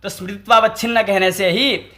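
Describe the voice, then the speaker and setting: A man's voice: high voice, fairly even intonation, a little fast, bright, forceful tone. A man, teaching a text through a lecture. He asks questions, answers them himself and repeats the key terms. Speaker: Sanskrit teacher. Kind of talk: explanatory lecture.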